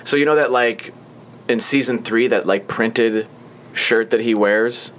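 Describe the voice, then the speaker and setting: A man's voice: mid-range voice, unhurried, fairly bright tone, a little hiss or hum. A young man hosting a podcast in a small studio, chatting casually and rambling with lots of fillers. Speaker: podcast host. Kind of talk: casual chat.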